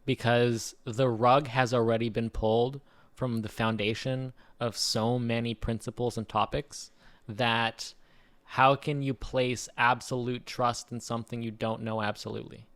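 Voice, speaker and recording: A man co-hosting a podcast in casual chat, laughing easily and swearing casually, with his pace speeding up and slowing down. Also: medium pitch, flat delivery, fairly bright tone. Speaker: podcast co-host.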